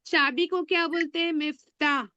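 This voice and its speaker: High-voiced woman teaching Arabic words. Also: steady tone, sharp tone, highs cut off. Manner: repeats words slowly, asks class to echo. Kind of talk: online beginner class lesson.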